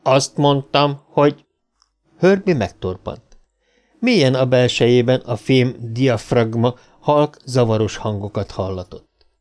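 Man narrating a novel in a low voice. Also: animated, a little mellow. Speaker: audiobook narrator. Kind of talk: scripted narration.

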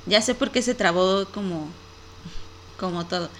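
A woman's voice: mid-range voice, unhurried, a little hiss or hum. A young woman hosting a casual online show, chatting and giggling to her viewers with a lot of "este" filler. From Mexico. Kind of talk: casual live-stream chat.

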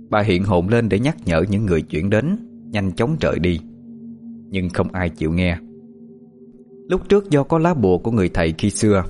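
A man narrating a ghost story in an expressive, steady way. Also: on the low side.

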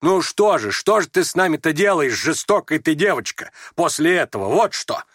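A man reading aloud and voicing an emotional, commanding middle-aged mother who speaks in loud exclamations. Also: fairly high pitch, sing-song, moderate pace, dry recording, clean studio sound, voice pushed up. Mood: tearful joy.

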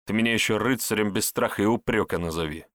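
A blunt, scornful hero, as a male reader puts him on for an audiobook, mocking and plain-spoken in a fairly low voice. The recording is dry and close. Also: quick pace, a bit bright, no room sound, natural voice. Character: sardonic, blunt young male hero with a sharp tongue.

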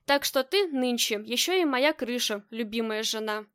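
A woman's voice: a little high, animated, moderate pace, fairly bright tone, smooth, no room sound, studio quality. A woman voicing a tender, playful grown husband in an audiobook, speaking lovingly to his wife. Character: affectionate teasing husband, grown man.

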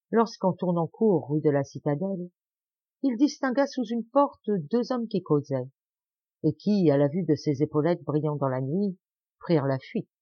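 Lively woman reading a classic novel. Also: no echo, highs cut off. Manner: acts out the dialogue with raised pitch and volume. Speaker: audiobook reader. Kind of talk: expressive narration of a classic novel.

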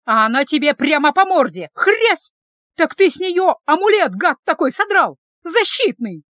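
A woman voicing a furious young village woman who shouts and scolds shrilly. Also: sits high, very animated, normal speed, dry recording, studio quality. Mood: furious, shrill.

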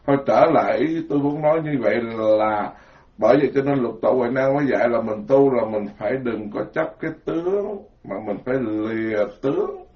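Folksy Southern Vietnamese monk, lo-fi. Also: male voice, medium pitch, animated, brisk. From southern Vietnam, Mekong Delta. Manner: folksy, joking, repeats words in emphatic lists. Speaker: Buddhist monk giving a dharma talk. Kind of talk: informal sermon. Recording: dull lo-fi recording.

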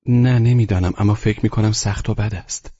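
A man voicing a guarded, wry young woman with a husky, raised voice in a dull, lo-fi audiobook recording. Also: fairly low pitch, steady tone, mellow, pitched above the performer's own voice.

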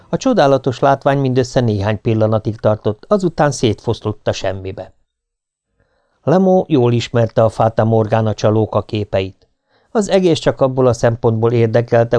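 A man reading an adventure novel aloud as an audiobook narrator, at a steady, measured pace. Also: mid-range voice, no room sound.

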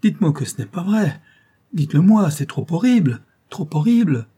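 A man's voice: mid-range voice, normal speed, dark tone, slightly rough, close to an everyday voice. A man voicing a terrified young female servant who pleads and sobs in broken outcries, reading a classic novel aloud. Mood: pleading. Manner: sobbing, beseeching, breathless outcries.

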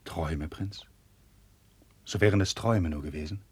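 An actor playing a loyal nobleman and childhood friend of a prince, speaking classical verse in a measured, earnest way. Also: sits low, a little mellow, breathy edge, dry recording. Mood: startled. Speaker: actor in a radio play. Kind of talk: classical verse radio drama.

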